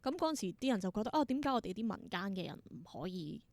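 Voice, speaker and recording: Very animated and fast-talking, this young adult woman has a mid-range, darkish voice with vocal fry. She's a theatre performer and creator with a Hong Kong Cantonese accent, chatting reflectively as a casual interview guest and mixing in English words.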